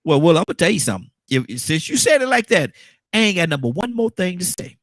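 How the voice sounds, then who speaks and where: A man's voice: high voice, big pitch swings, quick pace, fairly bright tone, no room sound, clean studio sound. A man hosting casual radio talk, repeating his phrases for emphasis. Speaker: radio show host.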